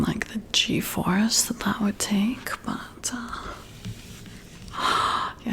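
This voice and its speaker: Whispering softly and breathily, a woman takes on the role of a competitive yet friendly boss working after hours for an ASMR roleplay. Her medium-pitched voice stays hushed and playfully teasing, with a casual, musing mood.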